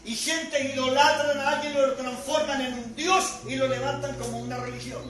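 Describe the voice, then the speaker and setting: An older man preaching a sermon as pastor, swinging between loud bursts and quiet drops. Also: very high voice, level tone, moderate pace, slight background noise. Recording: echoey hall from far off with music.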